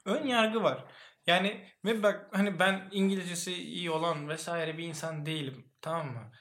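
Young male co-host, high-pitched, easygoing, rambling explanations. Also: moderate pace. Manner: relaxed, explains at length with fillers. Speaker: podcast co-host. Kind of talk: casual chat.

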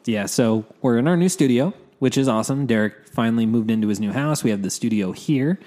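A man's voice: medium pitch, a little fast, warm tone. A man co-hosting a casual movie news podcast in an upbeat, informal way, recorded in an echoey untreated room. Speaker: podcast co-host. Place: new home podcast studio without soundproofing.

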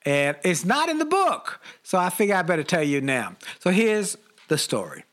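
An older man telling a story in casual chat, animated and laughing, acting out the voices in his quotes. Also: high voice, moderate pace.

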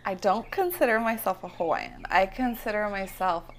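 A woman from California, a visionary artist guest, talks casually at her home about her life and art in an interview. Her medium-pitched voice is animated and moderately paced, and she rambles with many fillers and restarts.

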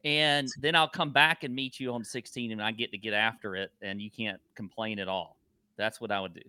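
A male co-host talks casually and conversationally. His voice is bright at a middle pitch, with a dry, close sound. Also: steady tone, a little fast, clear, resonant tone, no echo. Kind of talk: casual chat.

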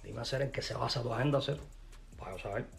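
A man's voice: medium pitch, fast talker, gravelly, faint music behind. A man from Cuba with a Cuban accent, a musician ranting angrily at someone, repeating himself and cursing. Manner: repetitive, heated, cursing, ranting. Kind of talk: angry rant to camera.

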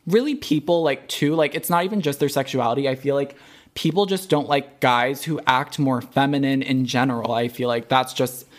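A woman's voice: very deep voice, normal speed. A young woman co-hosting a podcast, chatting casually with lots of fillers and swearing. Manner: many fillers, swears, laughs often. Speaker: podcast co-host. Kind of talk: casual chat.

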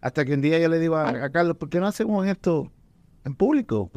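This man's voice runs on the high side, expressive and fast, with a darkish tone, heard in a muffled recording with no room sound. He's a poet and event organizer from Puerto Rico and the Dominican Republic who speaks Caribbean Spanish and, chatting casually about poetry gatherings, often repeats words as he thinks.

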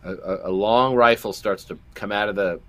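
A man co-hosting a casual podcast, making crude, deadpan jokes and absurd tangents. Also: lowish voice, moderate pace. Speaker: podcast co-host. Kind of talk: casual movie recap chat.

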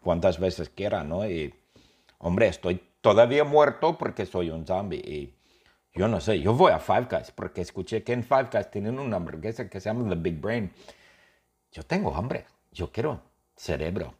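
A man's voice: deep voice, animated, moderate pace, a little mellow, slightly rough, voice pushed down. A man voicing a dim, cheerful zombie hamster who rambles through his story with sound effects. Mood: goofy.

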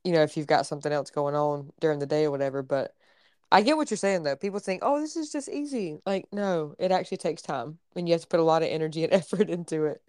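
Chatty woman host, lowish voice. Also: quick pace, a little mellow, smooth, dry recording, studio quality. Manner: chatty, playful, uses "like" a lot. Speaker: podcast host. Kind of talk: casual chat.

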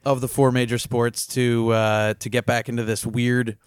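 A man hosting a podcast, explaining legal news in a casual, explanatory way with frequent filler pauses. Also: medium pitch, little pitch movement, clear, resonant tone, dry recording, clean studio sound. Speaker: podcast host and legal reporter. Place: New York.

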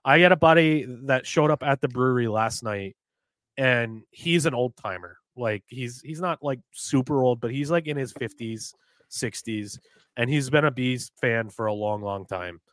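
A man's voice: medium pitch, moderate pace, no echo. Male sports podcast co-host from New Hampshire, casual and heated, swears a lot, dry close sound. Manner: animated, swears freely, gets heated.

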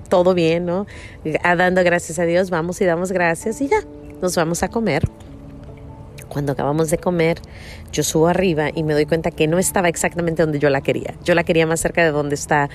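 A woman's voice: low voice, darkish tone. A middle-aged woman telling a personal religious testimony in an earnest, repetitive way, often tagging her sentences with little questions. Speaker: mother telling a faith testimony. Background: faint music.

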